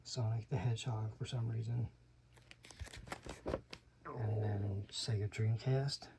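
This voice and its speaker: A man's voice: lowish voice, fairly even intonation, takes it slowly, vocal fry, background noise. A man flipping through an old magazine, reading ad slogans aloud and adding dry, muttered asides, sometimes dropping to a whisper. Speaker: channel host. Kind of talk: casual commentary while paging through a magazine.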